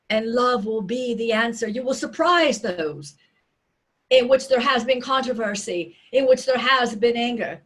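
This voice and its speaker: A woman channels a serene, loving spirit collective as a medium in trance at a seance. She speaks in a fairly high, slightly bright voice, with solemn, measured wording and dramatic pauses.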